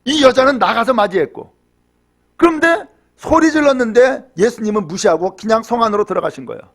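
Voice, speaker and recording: A male pastor delivers a Sunday sermon in church in a very high, lively voice that swoops up and down. He asks the congregation rhetorical questions and moves from hushed storytelling to raised, fervent appeals. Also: a little fast. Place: church during Sunday service.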